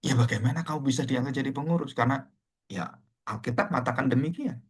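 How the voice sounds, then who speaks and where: A man's voice: mid-range voice, quick pace, husky. A middle-aged male pastor preaching a sermon in a conversational way, often calling out to his listeners. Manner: conversational, addresses listeners as "saudara".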